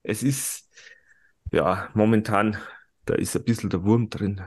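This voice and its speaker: A man's voice: lowish voice, steady tone, a little slow, husky. A man co-hosting a podcast in casual chat, with a dry, teasing sense of humor. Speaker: podcast co-host.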